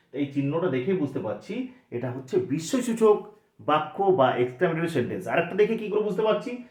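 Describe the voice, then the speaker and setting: A man's voice: a little high, darkish tone. A man teaching a grammar lesson for exam preparation, explaining step by step and asking his students questions that he then answers himself. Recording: echoey, dull lo-fi recording.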